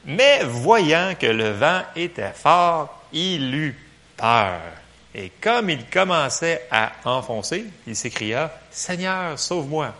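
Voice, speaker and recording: Lively preacher with bright Québécois French. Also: male voice, a little high, slow pace. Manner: lively, joking, fillers. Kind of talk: casual sermon. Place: church.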